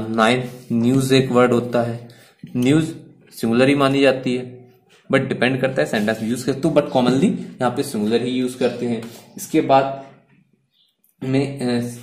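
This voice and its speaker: Speaking Hindi with Indian-accented English words mixed in, a man walks students through grammar by asking his own questions and then answering them. His voice is medium-pitched and a little mellow.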